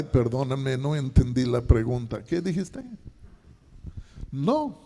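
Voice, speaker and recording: A man preaching a sermon, dramatic and shifting between loud and hushed. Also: high-pitched, in a large hall. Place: church.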